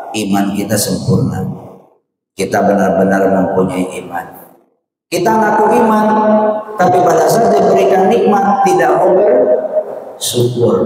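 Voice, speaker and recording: A man preaching as a religious teacher to a men's study group, joking and asking them questions. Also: a little high. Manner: lively, joking, asks the crowd questions. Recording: echoey hall, distant mic, faint noise.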